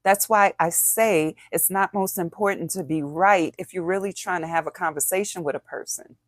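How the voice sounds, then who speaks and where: Low-voiced woman teaching, dry sound. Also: moderate pace, dry recording. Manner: conversational, explains with role-played example phrases and rhetorical questions. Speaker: author and coach. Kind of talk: teaching talk, acting out example dialogues.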